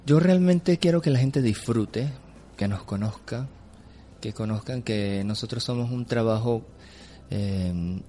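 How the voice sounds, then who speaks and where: Speaking with a medium-pitched, mellow voice, a Caracas-born film festival director with a Venezuelan accent gives an opinionated explanation as a guest on a spontaneous radio interview. He's emphatic but pauses now and then for words, with background noise clearly audible.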